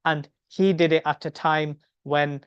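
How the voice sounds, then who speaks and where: A man's voice: a little high, level tone, measured pace, smooth, no room sound. A middle-aged man from the UK, a medical educator giving an earnest webinar talk, often repeating words as he thinks. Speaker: medical educator and academy speaker. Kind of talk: webinar presentation. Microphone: video call. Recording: dry, dull video-call audio.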